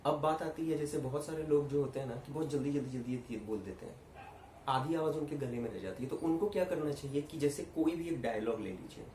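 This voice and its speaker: A man's voice: mid-range voice, fairly quick. Man teaching an acting workshop. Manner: demonstrates stressed vowels and projects repeated lines loudly. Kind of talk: online acting workshop lesson. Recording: roomy recording with faint ambient noise.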